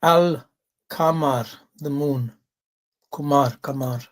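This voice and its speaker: A man hosting a live religious debate, insistent and quick to interrupt, calling others bro and my man. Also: on the high side. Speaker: debate host.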